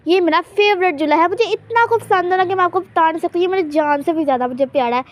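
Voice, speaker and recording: Her voice is extremely high and quick as she narrates a life-sim game in character for her gameplay channel. The host stays casual, chatty and teasing, and keeps hinting at secrets she refuses to share.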